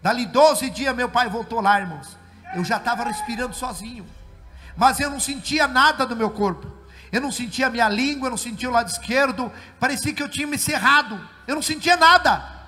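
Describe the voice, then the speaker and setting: A middle-aged man preaches his testimony in a very high, bright, ringing voice. He builds from hushed recollection to fervent shouting. His voice carries a long church-hall reverb over faint background music. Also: fairly quick. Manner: emotional, rising to shouted preaching. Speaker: pastor. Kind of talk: testimony sermon.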